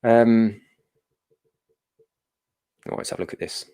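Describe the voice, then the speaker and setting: A man's voice: on the low side, measured pace, warm tone, clean tone. A middle-aged man hosting a giveaway livestream, chatting casually, answering viewer comments and telling jokey stories. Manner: laughing, jokey storytelling.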